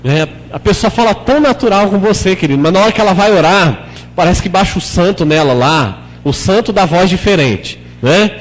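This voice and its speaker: A man's voice: animated, moderate pace, long reverb tail, rough recording. A man preaching a sermon as a pastor, talking conversationally and often putting questions to the congregation. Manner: acts out prayers in a lower, softer voice. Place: church hall.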